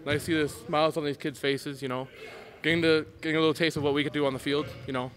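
Young man, quick and flat. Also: fairly high pitch, low-quality recording. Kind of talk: casual interview.

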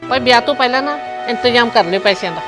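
A woman's voice: on the high side, expressive, rapid-fire, music in the background, close to an everyday voice. A woman playing a greedy middle-aged mother of the groom, blunt and haughty. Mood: demanding.

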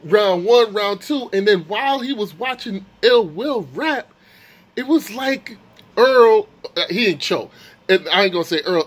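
Brief: male vlog host, high voice, loose street-slang storytelling, hyped up. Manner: excited, slangy storytelling, swears a lot. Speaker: channel host recapping a rap battle. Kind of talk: casual vlog recap.

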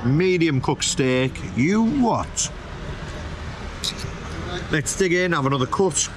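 On the high side and animated but slow-paced, this British man in his thirties hosts a food vlog, reviewing dishes in a chatty, slangy, emphatic style and repeating phrases for effect. He's outdoors on a restaurant terrace by a road, with vehicles passing and street noise.

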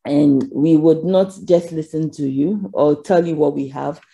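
A woman's voice: sits low, measured pace, vocal fry, warm tone. A woman giving a conference keynote over slides, earnest, with frequent ums as she asks for the next slide. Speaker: keynote speaker.

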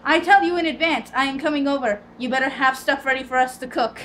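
A woman playing a hot-tempered, foul-mouthed young Italian man in an amateur cosplay comedy skit, snapping in loud outbursts, filmed by a far camera in a home kitchen. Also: high voice, steady tone, fast, reverberant, a little hiss or hum. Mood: grumpy. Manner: swears and snaps in loud outbursts.

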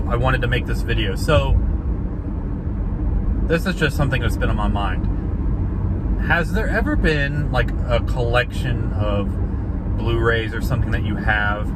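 A man in his thirties chatting casually in a film vlog, recorded inside a car on a dashboard phone. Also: medium pitch. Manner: chatty and conversational, gesturing with his hands. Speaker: film vlogger. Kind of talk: casual talking-head vlog. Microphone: phone camera on the dashboard. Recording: loud car and street noise behind.

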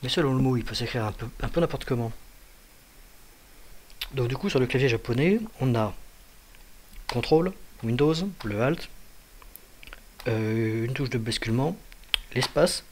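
Man, casual tutorial voice, mid-pitched, thinks aloud with fillers, faint typing and clicks behind. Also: unhurried, pauses often, a little hiss or hum. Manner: thinking aloud with many fillers, demonstrating live on keyboard. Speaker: tutorial presenter. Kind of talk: casual screen-share tutorial.

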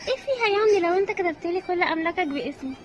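A woman's voice: very high voice, animated, very fast, muffled recording, a little hiss or hum. A woman playing a wheedling scheming young wife. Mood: coaxing. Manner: coaxing, wheedling. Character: scheming young wife coaxing her husband.

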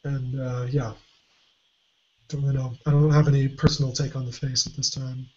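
A man co-hosting a casual puzzle podcast, halting with many fillers and restarts, his voice going a little hoarse. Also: medium pitch, level tone, darkish tone. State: losing his voice. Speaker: podcast co-host. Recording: dull lo-fi podcast audio.

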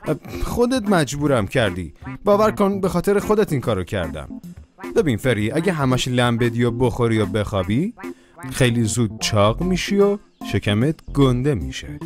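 A man's voice: medium pitch, big pitch swings. Playful man narrating a kids' cartoon. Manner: playful, coaxing, talks to the characters. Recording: music playing behind the voice.

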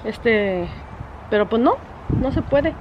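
A woman vlogging casually from home, chatty and exasperated, sometimes breaking off to scold her dog in sharp high bursts. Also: expressive, slow pace, muffled recording, slight background noise. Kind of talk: casual vlog chat. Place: at home, indoors and outdoors.

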